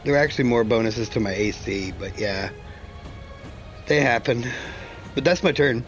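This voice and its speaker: A man's voice: medium pitch, moderate pace, dull audio, faint music behind. A man chatting casually as a player in a tabletop game.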